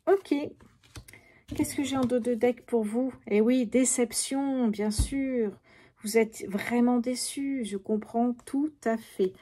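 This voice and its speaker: Middle-aged lady doing a tarot reading to camera, chatty, mellow husky voice. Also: fairly high pitch. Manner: chatty, addresses viewers directly, many fillers. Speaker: tarot reader.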